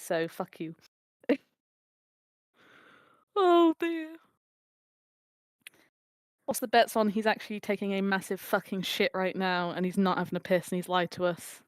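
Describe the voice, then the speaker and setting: A woman's voice: medium pitch, no echo. A woman backseating a game stream, chatting with viewers in a giggly, teasing way and swearing freely. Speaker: backseat gamer co-host. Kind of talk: casual stream chat with viewers.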